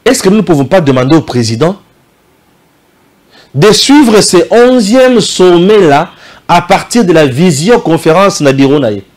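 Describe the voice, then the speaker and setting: An indignant Congolese man with a fairly high voice and a Kinshasa accent. He delivers passionate political commentary, presses hard with rhetorical questions and slips into Lingala. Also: lively intonation, a little slow, darkish tone. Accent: Congolese French, Kinshasa.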